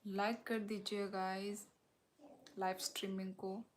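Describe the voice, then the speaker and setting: Slow-talking young woman chatting on a live stream. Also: medium pitch, a little hiss or hum. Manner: relaxed, chatty, drops to soft whispers at times. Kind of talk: casual live-stream chat with viewers.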